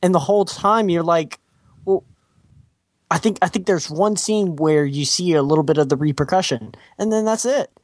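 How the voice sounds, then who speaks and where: A woman's voice: fairly low pitch, normal speed, darkish tone, dry recording, studio quality. A woman casually discussing a film on a podcast, making emphatic arguments. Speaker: podcast co-host.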